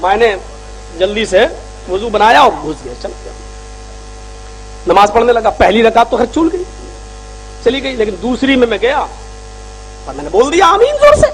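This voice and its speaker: A man preaching a sermon, telling stories in dialogue and rising to shouted emphasis. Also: high voice, animated, normal speed, pauses often, a little hiss or hum, rough recording. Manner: retells arguments in dialogue. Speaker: Islamic preacher. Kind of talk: sermon with storytelling.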